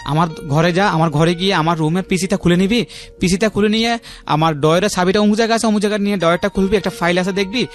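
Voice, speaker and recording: Speaking very fast in a high voice, this Bangladeshi-accented man in his 30s shares his life story on a radio show. He's repetitive and often tacks on check-in tags. Faint music plays in the studio background.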